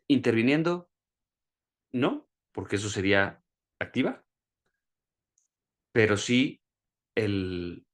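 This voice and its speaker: Over a video call, a male course instructor explains a concept in an ordinary conversational voice, frequently restarting and repeating words. His pitch lifts whenever he offers an example.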